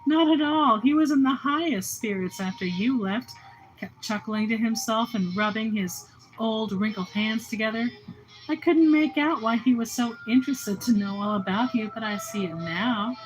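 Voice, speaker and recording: A woman's voice: a little high, moderate pace, faint music behind, lightly acted, low-quality recording. A woman reading the lines of a young man who teases his friend in a jovial, bantering way. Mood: teasing. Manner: teasing and jovial.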